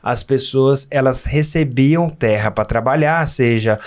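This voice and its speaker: Unhurried and clean-toned, this man's mid-range voice carries a darkish color. He's a Brazilian from Minas Gerais appearing as a podcast guest, telling personal stories in an earnest, emphatic, conversational manner during a casual interview.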